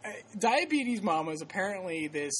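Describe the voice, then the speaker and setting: A man hosting a podcast tells a story in a loose, rambling way, stopping and restarting and laughing as he goes. His voice swings widely in pitch. A steady hiss of noise sits under the recording. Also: brisk. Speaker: podcast host. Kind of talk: casual podcast chat.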